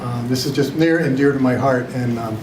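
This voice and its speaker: A man's voice: mid-range voice, fairly quick. An older man, a retiring college vice president, giving a heartfelt thank-you speech with hesitant ums. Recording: echoey room from far off, noisy.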